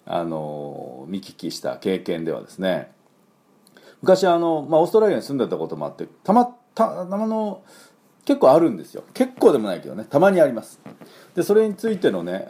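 A man's voice: sits low, warm tone. A man teaching English pronunciation in a casual spoken lesson, chatty with lots of fillers and repeated sound demonstrations.

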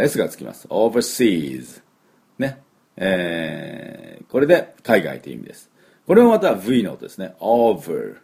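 Middle-aged man, low voice, lively swinging pitch, chatty English pronunciation lesson, drawn-out fillers, repeats model words. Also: vocal fry. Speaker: English teacher.

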